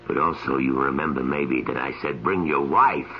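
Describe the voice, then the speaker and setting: A man's voice: rumbling low, normal speed, a little hiss or hum. An actor playing a cruel, mocking male loan shark who threatens with a knife, in an old-time radio drama. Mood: menacing. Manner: taunting, drawling, mocking. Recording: dull lo-fi old radio recording.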